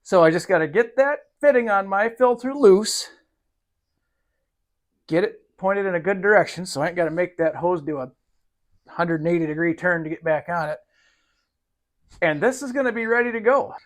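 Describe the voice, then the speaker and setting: A man's voice: sits high, lively intonation, moderate pace, long pauses. A man narrating casually to his viewers while he works on a tractor in his barn, in a folksy, easygoing way. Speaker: DIY tractor mechanic.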